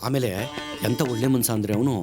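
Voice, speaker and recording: A man's voice: mid-range voice, steady tone, brisk, natural voice. A man playing a rambling rustic monkey catcher. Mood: rambling earnest. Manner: rambling, ends every phrase with "saa". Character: naive rustic male monkey catcher, endlessly trusting. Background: loud film music.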